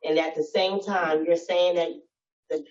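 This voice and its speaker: Flat-voiced woman, distant and dull. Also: fairly low pitch, a little slow. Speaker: trainee reading the health worker part. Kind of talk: reading a role-play script.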